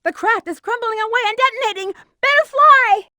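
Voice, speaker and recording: Rouge the Bat, very high-voiced sassy game heroine. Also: female voice, a little fast, sharp tone, no room sound, clean studio sound, exaggerated voice. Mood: urgent. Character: flirty, cool-headed female bat treasure hunter, adult. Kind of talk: video game voice acting, short in-game hints and callouts.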